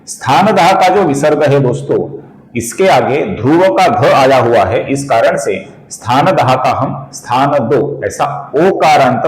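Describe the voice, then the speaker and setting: A man's voice: medium pitch, reverberant, poor audio. Patient man teaching chant pronunciation. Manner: patient, slows down to spell out syllables; addresses viewers as friends. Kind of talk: video lesson on chant pronunciation.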